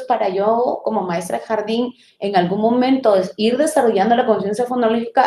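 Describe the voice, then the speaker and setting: A woman teacher trainer giving a live online lecture, explaining patiently, sounding out syllables slowly and checking in with her listeners. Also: medium pitch, a little mellow, reverberant.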